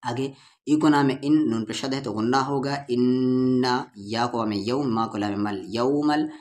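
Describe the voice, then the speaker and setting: A man's voice: mid-range voice, fairly even intonation, moderate pace. A man with an Urdu-Hindustani accent teaching Quran reading, patiently spelling out syllables and drawing out the vowels. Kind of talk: letter-by-letter recitation lesson.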